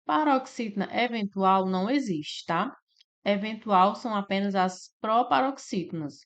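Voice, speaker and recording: In an animated, medium-pitched voice, a Brazilian-accented woman works through a slide-based grammar lesson aimed at exam prep, and the recording is muffled. She stretches her syllables, explains each step, and keeps asking "né?" and "tá?".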